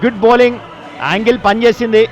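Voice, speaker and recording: A man's voice: very high voice, little pitch movement, fast talker, a crowd in the background. A man giving cricket commentary, summing up play and scores as an analyst. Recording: dull lo-fi broadcast sound with music. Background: music.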